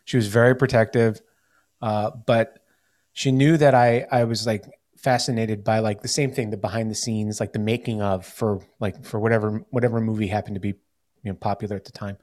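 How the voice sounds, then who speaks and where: A man's voice: lowish voice, fairly even intonation, a little fast, a little mellow. An American man hosting a podcast in casual chat, rambling with many fillers and restarts. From United States. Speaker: podcast host.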